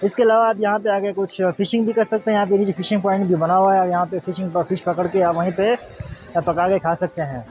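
A man's voice: high-pitched, flat delivery, fast, darkish tone. A young man from Pakistan chatting casually to viewers as a travel vlogger, filming outdoors by a mountain waterfall on a phone held at arm's length. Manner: chatty, touristy, addressing viewers directly. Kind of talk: casual travel vlog narration.

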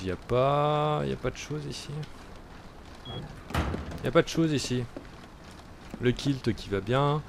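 A man's voice: mid-range voice, background noise. Chatty man touring a game base. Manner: chatty, hesitant with many fillers. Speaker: gaming YouTuber. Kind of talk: casual gameplay commentary.

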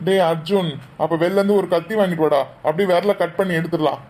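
A man's voice: sits high, fairly even intonation, fast talker, darkish tone, natural voice. A man voicing a protective young man in a cartoon who talks in a firm, brotherly, casual way. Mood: teasing. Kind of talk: cartoon voice acting.

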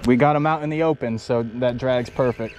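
A man narrates catches with excitement and frequent laughter while guiding a fishing charter, filming on a head-mounted action camera from a small boat on open shallow flats. He speaks fairly quickly in a mid-range voice in this casual commentary. The low-quality recording carries wind and water noise.

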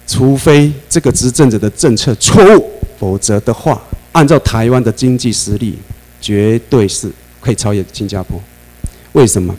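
A man's voice: mid-range voice, rough recording. Man lecturing with Taiwanese Mandarin accent. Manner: animated, asks the class questions, laughs often. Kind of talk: classroom lecture. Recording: mains hum under the voice.

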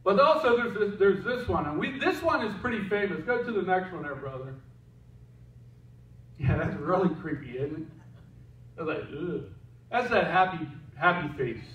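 A man's voice: sits high, lively intonation, moderate pace, pauses often, fairly bright tone, recorded from a distance. A man preaching a sermon in a church in a casual, joking way, with asides to the person running the slides. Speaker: pastor. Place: church sanctuary. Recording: echoey church heard from afar, dull.

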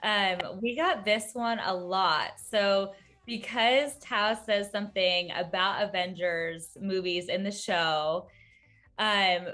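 A woman's voice: medium pitch, steady tone, slow, sharp tone, faint music behind. A woman interviewing a guest and reading out viewer questions, upbeat and affirming.

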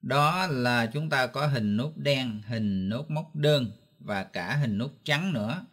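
A man's voice: mid-range voice, slow pace, a bit bright, husky. A man from Vietnam teaching a guitar lesson step by step, patiently counting beats and calling out note names. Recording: guitar playing in the background.

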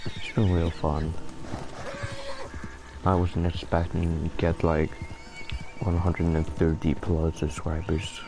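A man's voice: low-pitched, completely flat delivery, slow, long pauses, over music. A young man from Iceland, an English speaker, rambling through casual commentary while playing a game. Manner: rambling, filler-heavy chat. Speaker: gaming YouTuber.

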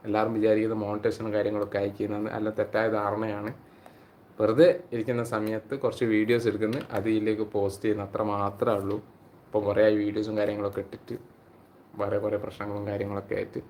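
A man's voice: on the low side, flat delivery, fast talker, darkish tone, a little hiss or hum. A man, hosting a casual live stream on his phone and chatting with viewers by name. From Kerala, India. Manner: chatty, greets viewers by name and reads their comments aloud.

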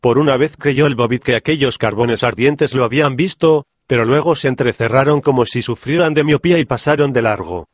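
A man reading a comic parody audiobook in an even, measured scripted narration. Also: medium pitch, dry recording, clean studio sound.

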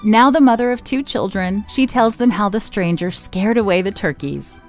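A woman reading a children's story aloud at church, expressive and swooping up and down for emphasis. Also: medium pitch, normal speed, soft background music.

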